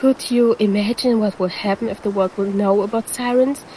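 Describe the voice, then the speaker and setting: A woman's voice: mid-range voice, fairly even intonation, moderate pace, warm tone, slight background noise, lightly acted, rough recording. A woman voicing a predatory female siren who poses as a lifeguard and teases the listener in an audio roleplay. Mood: teasing, menacing. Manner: teasing, calls the listener handsome.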